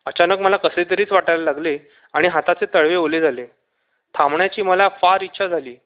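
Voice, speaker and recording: A man reading a children's story aloud in lively first-person narration. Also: high-pitched, normal speed. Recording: dull lo-fi recording.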